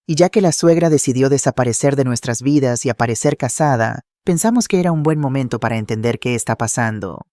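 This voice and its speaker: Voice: medium pitch, a little fast, few pauses, mellow, no echo, close to an everyday voice. A storyteller voicing a scheming young woman who speaks with thinly veiled venom. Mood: sneering. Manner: mocking, accusing.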